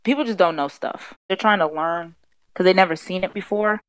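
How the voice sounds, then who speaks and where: A woman's voice: fairly low pitch, fairly quick, no room sound, rough recording. A woman in her twenties, the host's daughter, speaking bluntly and outspokenly in a casual interview. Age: 20s.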